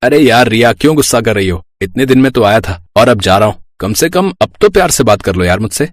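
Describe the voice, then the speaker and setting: A man's voice: lowish voice, expressive, fairly quick, dry recording, clean studio sound. A man voicing an easygoing young husband in a storybook tale, casual and coaxing. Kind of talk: storybook voice acting.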